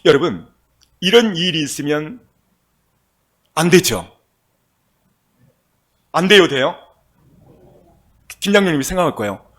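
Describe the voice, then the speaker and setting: A man pastor delivering a sermon, telling a story with animated delivery and addressing the congregation. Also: on the high side, unhurried, long pauses.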